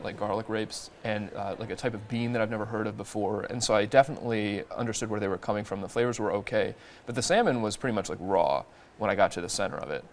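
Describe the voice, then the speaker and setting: A man's voice: lowish voice, slight background noise. A man guest reviewer giving a hesitant, filler-heavy opinion in a casual TV discussion.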